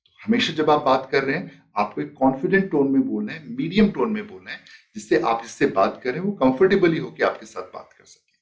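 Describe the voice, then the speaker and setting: A man's voice: medium pitch, animated, a little fast, distant mic. A man teaching a life skills lesson, explaining step by step and acting out example sentences. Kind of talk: spoken lesson with demonstrations.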